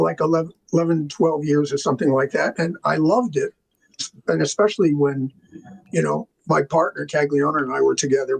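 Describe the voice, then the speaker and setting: An older man, a film makeup artist and art department veteran, chats casually as an interview guest, telling rambling, enthusiastic stories about his working life. His voice is a little high and creaky with a breathy edge, and the recording is low quality.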